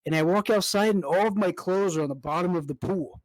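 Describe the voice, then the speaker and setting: A young man with a high voice co-hosts a podcast from home, speaking a little fast as he rambles through a long story in casual chat. He swears heavily and fills his speech with "like." The low-quality recording has no echo.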